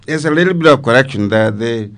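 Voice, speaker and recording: Faint music plays behind a retired army commander, a man in his 70s or older with a Cameroonian accent, as he shares memories in an interview. He talks fast and expressively in a medium-pitched, fairly bright voice, repeating phrases with emphasis to add weight.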